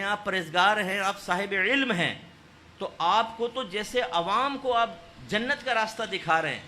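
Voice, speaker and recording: Man, preacher, high bright voice, sermon, faint background hiss. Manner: storytelling sermon, swings between loud exhortation and hushed narration. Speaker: Islamic preacher.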